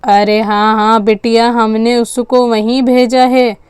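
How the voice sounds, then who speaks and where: A woman voicing an elderly grandmother in a doll story, speaking slowly and soothingly. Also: level tone, darkish tone, smooth, no echo, clean studio sound. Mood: calm. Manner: slow, soothing, low-voiced. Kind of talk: storytelling with dolls.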